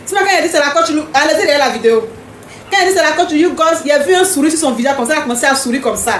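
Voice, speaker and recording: A woman's voice: sits high, racing, reverberant, a little hiss or hum. A woman hosting a live stream, chatting casually and teasingly with viewers, repeating herself often. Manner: repetitive, teasing, talks straight to commenters.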